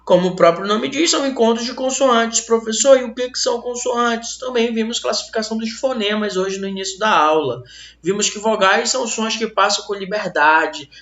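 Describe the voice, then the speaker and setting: Brazilian male teacher, lively questioning style, gravelly voice, echoey lo-fi room sound. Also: sits high. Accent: Brazilian Portuguese. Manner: lively, asks questions and answers them himself. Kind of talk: online grammar lesson. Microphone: laptop mic. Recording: roomy, dull lo-fi webcam audio.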